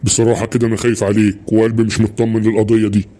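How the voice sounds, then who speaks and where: A man's voice: lowish voice, little pitch movement, very fast, mellow, close to an everyday voice. A man voicing a worried, protective old grandfather in an Egyptian cartoon, speaking with an Egyptian Arabic accent in a pleading, fretful way. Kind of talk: Egyptian cartoon dub acting.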